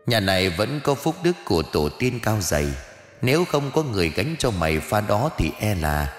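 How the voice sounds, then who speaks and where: A man's voice: lowish voice, very animated, normal speed, echoey room, long reverb tail, faint music behind. A man doing a pompous old ghost sorcerer. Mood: instructive. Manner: gruff, scolding, boastful. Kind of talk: audiobook character voice.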